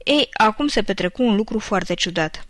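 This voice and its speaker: A woman reads a children's audiobook aloud in an even, measured pace of narration. She sits close to the mic in a dead dry space, her voice at a middling pitch. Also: no room sound. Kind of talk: scripted narration.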